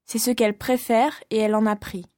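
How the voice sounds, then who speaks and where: A woman's voice: a little high, flat delivery, a little fast, darkish tone, dry recording, clean studio sound, lightly acted. A woman playing a chatty young family member in a scripted language-course dialogue.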